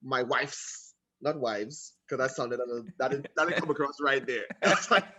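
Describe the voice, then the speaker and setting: Full of quick asides and animation, a Trinidadian-accented man from Trinidad and Tobago tells his story as a guest in a laid-back video call interview. His pitch is medium.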